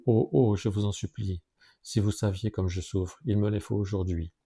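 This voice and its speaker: A man's voice: sits low, fairly even intonation, normal speed, warm tone, breathy edge. A man voicing a distressed young woman who pleads hesitantly and trembles with anguish. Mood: pleading. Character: distressed young woman, an anxious rich cousin.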